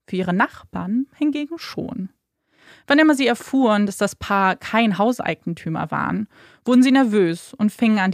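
A woman narrates a true-crime story in a measured, dramatic way. Her voice has a gravelly fry, recorded close and dry with no room around it. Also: mid-range voice, no room sound. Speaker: podcast narrator.

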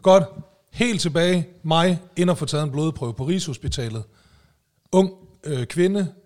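A man's voice: fairly high pitch, a little mellow. A middle-aged man co-hosting a casual chat podcast, telling stories in a laid-back way with easy laughs. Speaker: podcast co-host.

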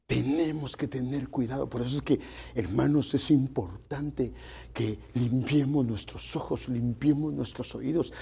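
Gravelly-voiced pastor preaching. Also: male voice, medium pitch, mellow. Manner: folksy, addresses congregation as brothers, mixes jokes with preaching. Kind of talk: sermon.

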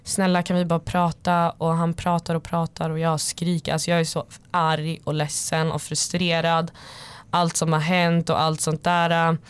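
A woman's voice: deep voice, little pitch movement, smooth. A young woman telling a personal story in casual chat, rambling with many fillers. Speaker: guest.

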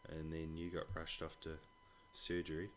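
Aussie bloke, deep voice, super casual podcast chat, bit sweary, faint hum in the background. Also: male voice, completely flat delivery, moderate pace. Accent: Australian. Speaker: podcast guest, a father talking about his children. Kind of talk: casual conversation.

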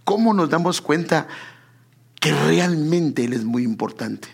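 A man's voice: on the high side, animated, unhurried, vocal fry, slightly rough. A man preaching a sermon and telling his own testimony. He keeps calling the listener brother and builds up to emphatic exclamations.

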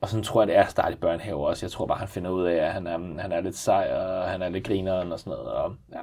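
A man's voice: deep voice, husky. A man, chatting casually as a podcast co-host and acting out his stories. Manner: animated storyteller, acts out scenes in a raised voice. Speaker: podcast co-host, father of a toddler. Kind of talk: casual chat.

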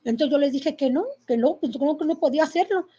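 Brief: middle-aged woman, high but mellow voice, halting earnest testimony, dull lo-fi sound. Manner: earnest, halting, many fillers. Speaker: interviewee, mother of prisoners. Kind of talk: personal testimony.

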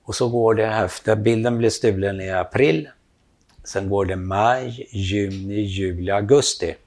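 A man tells a story in a low, gravelly voice. He acts out the quoted lines, and his voice climbs and gets louder when he plays the other people in the story. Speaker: storyteller, photographer. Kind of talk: casual anecdote telling.

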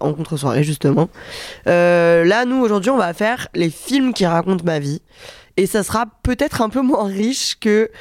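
A woman's voice: lowish voice, a little mellow, no echo, clean studio sound. Congested young woman, chatting casually. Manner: informal, rambling, self-deprecating, slangy. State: congested, blocked nose from a cold. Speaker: podcast host. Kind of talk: casual chatty solo monologue. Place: hotel room.

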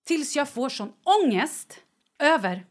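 A middle-aged woman with a high, bright-sitting voice talks in a loose, chatty podcast style. She tells stories with theatrical flair, swears often, and drops into hushed, whispered asides before bursting back to full voice. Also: lively intonation. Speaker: podcast co-host. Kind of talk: casual chat.

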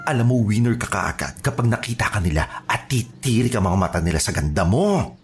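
A man's voice: lowish voice, very animated, brisk. A man voicing a flamboyant, vain beauty-parlor worker who chatters and flirts in a sing-song way. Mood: chatty. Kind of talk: audio drama acting.

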